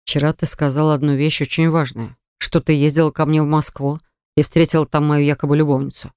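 A woman's voice: low-pitched, level tone, a little fast, a little mellow, clean tone, no echo, studio quality, voice pushed down, lightly acted. A woman voicing a stern, insistent young man who speaks curtly and makes demands in an audiobook. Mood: earnest. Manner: curt, demanding.

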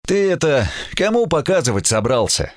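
A man voicing a slightly hoarse ship's watch officer who drawls in a relaxed, snide way. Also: on the high side, takes it slowly, dry recording, studio quality, voice pushed up, heavily acted. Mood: lazy, mocking.

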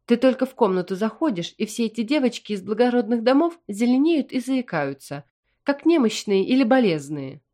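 A woman reading an audiobook and voicing a stern, commanding middle-aged alien noble mother who fires off sharp demanding questions. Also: a little high, big pitch swings, brisk, pitched above the performer's own voice. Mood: delighted. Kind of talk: audiobook character voice.

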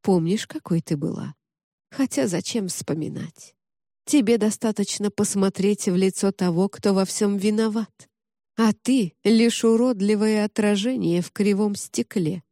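Woman doing sly cruel ghost lady whispering poison in an audiobook, warm dry voice. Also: measured pace, dry recording, natural voice. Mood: insidious. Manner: insidious, coaxing whispers turning shrill. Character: cruel invisible female phantom, manipulative. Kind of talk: audiobook character reading.

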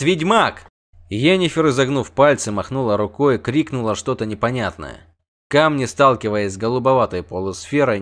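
Man reading a tense fantasy audiobook. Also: fairly low pitch. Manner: tense, vivid storytelling. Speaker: audiobook narrator. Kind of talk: dramatic audiobook narration.

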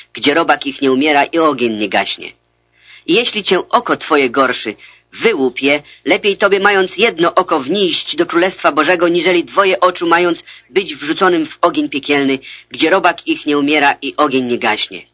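A man reading the words of Jesus as a calm adult teacher in a measured, solemn scripture reading, on a dull lo-fi recording. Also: on the high side.

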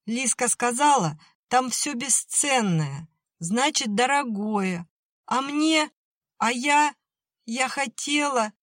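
A woman reading an audiobook, voicing a tearful, defiant young girl who talks in a high, strained voice. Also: expressive, unhurried, fairly bright tone, no echo, studio quality. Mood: sobbing. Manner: tearful, pleading, high-strung.

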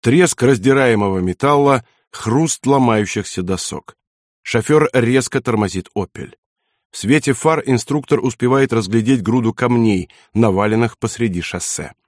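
A man's voice: medium pitch, moderate pace, no echo. Man reading an audiobook, dry sound. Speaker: audiobook narrator. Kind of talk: scripted audiobook narration.

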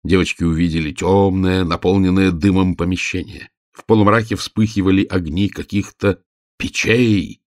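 A man narrating a storybook in a steady, expressive reading voice. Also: low voice, normal speed, no room sound, clean studio sound.

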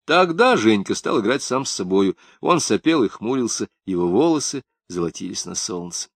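An audiobook narrator with a low voice reads a novel aloud in a sing-song delivery at a moderate pace. The literary narration is recorded in a clean studio with no room sound.

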